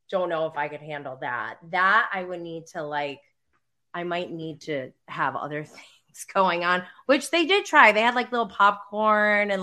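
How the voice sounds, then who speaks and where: A young woman chatting in an unhurried, drawn-out way as she recaps a TV show. Her talk is casual and full of fillers, often breaking into laughs or near tears. Her pitch sits in an ordinary middle range. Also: bright, forceful tone. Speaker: podcast co-host recapping reality TV. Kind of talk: casual chat.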